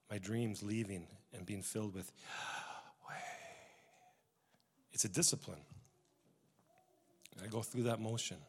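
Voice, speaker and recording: A man preaching a sermon as a pastor, animated, swinging from hushed, intimate moments to loud, emphatic ones. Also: lowish voice, breathy edge. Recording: long echo of a church hall.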